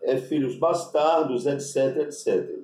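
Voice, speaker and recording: A man with a Brazilian Portuguese accent, a rabbi giving an unscripted religious lesson, deliberate and spelling out Hebrew letters with constant tag questions. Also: mid-range voice, animated, darkish tone, distant mic. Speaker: rabbi teaching Hebrew names. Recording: echoey room, voice off-mic.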